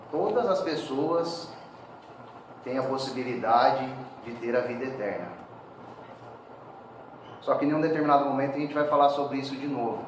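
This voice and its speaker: A man's voice: medium pitch, a little hiss or hum. A man preaching a sermon in a church hall, talking conversationally and often adding tag questions. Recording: very echoey hall, speaker far from mic.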